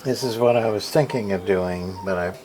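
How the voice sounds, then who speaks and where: On the low side and darkish in tone, this man's voice keeps a moderate pace. He's a tired hobbyist radio repairer casually showing an old radio at his home workshop desk, his thinking-aloud full of fillers and restarts.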